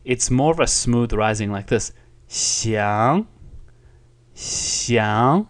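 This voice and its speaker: A man giving an online language lesson, explaining calmly and patiently with the occasional filler. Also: medium pitch, normal speed. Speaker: language teacher.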